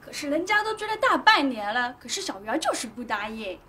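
An actress playing a chatty, teasing young office coworker in a TV drama. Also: female voice, sits high, big pitch swings, fairly quick, pushed and bright, a little hiss or hum, heavily acted. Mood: gossipy. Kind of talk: TV drama acting.

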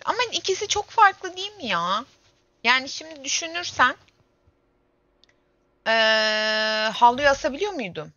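Young female streamer, 20s, bright voice, chatty and grumbly; lo-fi stream mic. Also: high voice, animated, a little slow, pauses often, no echo. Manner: chatty, exclaims and grumbles to herself while playing. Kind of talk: casual gameplay livestream chat. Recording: dull lo-fi stream audio with faint game music.

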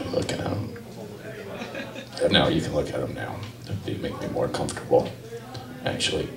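A man in his thirties doing rambling, self-deprecating stand-up at an open mic in a small gallery cafe, speaking into a stand mic. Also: rumbling low. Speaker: stand-up comedian. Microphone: handheld mic on stand, far camera. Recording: roomy, from far off.

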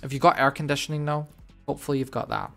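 A man's voice: fairly high pitch, steady tone, racing, creaky, fairly bright tone, faint music behind. A man streaming a game live, chatting casually with his viewers and reading their messages. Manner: chatty, reacting to chat and wrapping up with thanks.

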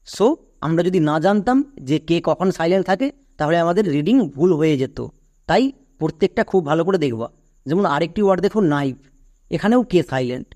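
A man's voice: a little high, a little mellow. A man teaching English pronunciation in a classroom-style lesson. He explains each rule step by step, repeats it, and asks the class questions as he goes.

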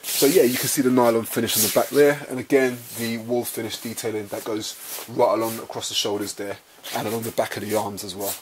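A man with a London accent talking casually as he reviews a jacket at home, chatty and relaxed, often calling his viewers guys. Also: lowish voice, fairly quick, slight background noise. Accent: London English. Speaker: fashion vlogger reviewing a jacket. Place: indoors, at home beside a bed.

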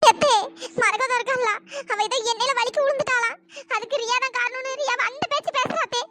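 A voice actor voicing a worried middle-aged cartoon mother who laments her daughter's fate, with a pitch-shifted voice. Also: a little fast. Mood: distressed. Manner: wailing, self-reproaching. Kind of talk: cartoon storytelling dialogue. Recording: loud background noise.

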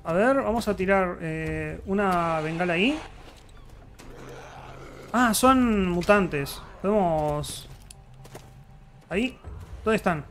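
A man's voice: high voice, slow, long pauses, fairly bright tone, a little hiss or hum. A man with a Rioplatense Spanish accent, chatty let's-play commentary as he thinks aloud through crafting and fights. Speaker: gaming YouTuber.

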